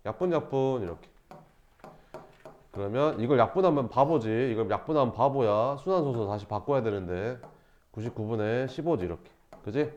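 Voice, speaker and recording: A man's voice: medium pitch, a little mellow, a little hiss or hum. A man teaching a math lesson, walking students through each step by asking questions and answering them himself. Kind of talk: recorded math lesson explaining problems. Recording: slightly dull lo-fi recording.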